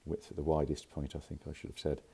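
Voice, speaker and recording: A furniture dealer gives a casual walkthrough of his stock in a warehouse, filmed on a handheld phone camera, chatting informally and sometimes correcting himself. His voice is extremely low and monotone, fast, gravelly and warm, with a breathy edge.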